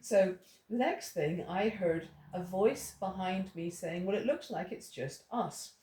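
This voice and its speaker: A middle-aged Irish woman with a lowish, dark voice speaks unhurriedly while teaching a small study group indoors. She drifts off into stories and restarts often, and the recording has a roomy echo with faint noise.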